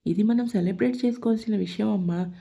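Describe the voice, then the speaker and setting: A woman's voice: medium pitch, quick pace, vocal fry, dark tone, breathy edge. A woman narrating a family drama story, reading every character's lines in her own voice.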